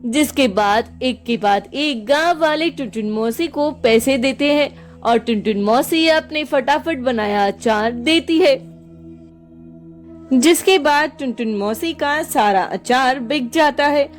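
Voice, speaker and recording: A woman's voice: sits high, slow pace, soft background music. A woman narrating a cartoon story in plain storytelling manner.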